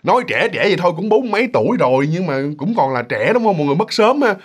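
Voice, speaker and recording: This ghost story comes from a man with a Southern Vietnamese accent whose high, husky voice races along rapid-fire. He keeps it casual and animated, regularly talking straight to his listeners.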